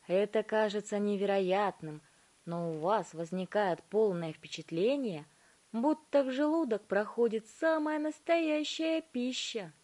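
A woman voicing an excitable, fussy male candy inventor who gushes about his inventions and pleads anxiously. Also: medium pitch, a little slow, natural voice. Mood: excited, pleading.

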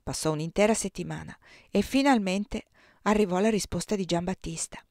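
A woman reading a novel aloud as an audiobook narrator, with a measured and expressive delivery on a close microphone. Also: medium pitch, no room sound. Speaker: audiobook reader.

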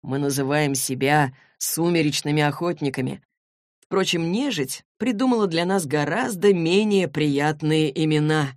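A woman's voice: dry recording, clean studio sound. A woman reading a cool, unflappable young man. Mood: cool, unbothered. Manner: calm, slow, slightly lowered delivery. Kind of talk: audiobook character voice.

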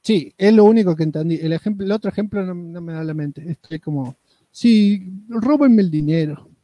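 A man's voice: on the high side, fast talker, no echo, muffled recording. A man with an Argentine accent co-hosting a casual podcast, reading listener comments and teasing with mock indignation. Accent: Argentine Spanish. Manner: joking, mock-indignant, playful.

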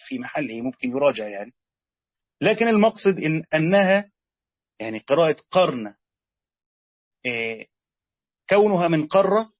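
A man with an Egyptian accent teaching a lesson, explaining slowly, repeating words and quizzing his students. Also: on the high side, no echo. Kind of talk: classroom lesson on Quranic grammar. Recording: dull lo-fi sound, dry.

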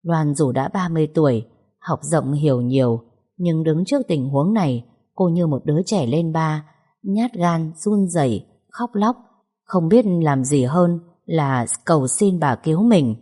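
A woman reading a family drama story aloud in a measured, even narrating manner. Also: deep voice, breathy edge.

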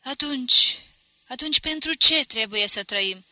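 A woman's voice: high voice, bright, forceful tone, dry recording, pitched above the performer's own voice. A woman reading aloud voices a shaken, ashamed young man. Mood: desperate.

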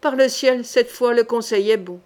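A woman's voice: on the high side, normal speed, a little mellow, natural voice. A woman reading a wry, teasing young male knight in an audiobook, dry and ironic.

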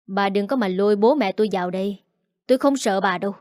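Woman doing a sharp-tongued young wife talking back, cold, taunting, mid voice. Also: mid-range voice, fast, no echo, studio quality, close to an everyday voice. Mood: defiant. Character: defiant young daughter-in-law, sharp-tongued.

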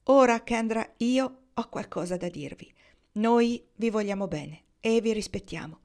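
Firm male leader, commanding, steady, read by a woman, audiobook. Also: fairly high pitch, a little slow. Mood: earnest. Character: authoritative older male gold-camp leader.

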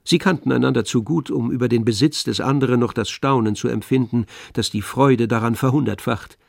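In a radio drama, a man with a mid-range voice and vocal fry narrates a literary tragedy as its all-knowing narrator, measured and expressive but wry and detached. The recording is studio quality with no room sound.

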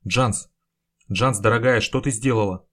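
A man reading the lines of a distraught older man who calls out loudly and hoarsely in an audiobook. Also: medium pitch, unhurried, lightly acted. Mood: alarmed. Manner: urgent shouting. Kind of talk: audiobook character voice.

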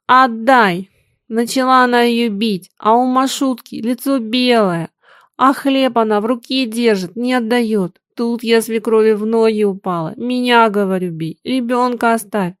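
Sad peasant mum, sighing folksy talk, kinda high voice, woman reading it, dry sound. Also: unhurried, no room sound, lightly acted. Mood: grieving. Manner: plaintive, sighing folk speech. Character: poor grieving peasant mother, middle-aged woman.

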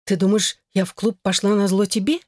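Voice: medium pitch, little pitch movement, fairly quick, no room sound, studio quality, pitched above the performer's own voice, close to an everyday voice. A reader voicing an angry young woman arguing with her ex-husband in an audiobook. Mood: defensive. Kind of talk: audiobook character voice.

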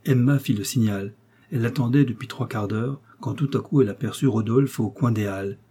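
A man reading a classic novel aloud in measured, expressive narration. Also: mid-range voice, husky. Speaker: audiobook reader. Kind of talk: scripted literary narration.

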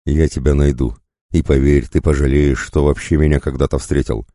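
A man voicing a wounded warrior with a hoarse, pleading voice. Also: rumbling low, steady tone, moderate pace, warm tone, no echo, clean studio sound.

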